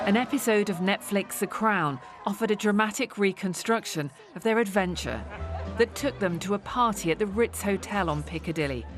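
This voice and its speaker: Composed woman reporting the news. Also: fairly low pitch. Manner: composed and measured. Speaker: royal correspondent.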